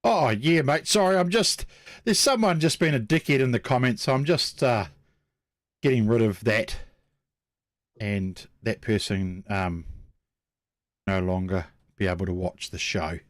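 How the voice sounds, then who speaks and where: A man's voice: lowish voice, measured pace, long pauses, no echo, clean studio sound. A man with a New Zealand accent hosting a live stream in a casual, blunt, informal way. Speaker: host.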